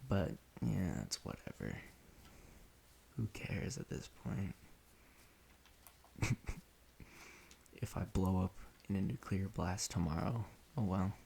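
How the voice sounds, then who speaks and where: A man casually rambling in an offhand, deadpan way while he plays a video game, often restarting his sentences. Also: low voice, takes it slowly, creaky, long pauses, a little hiss or hum. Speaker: solo podcaster playing a video game.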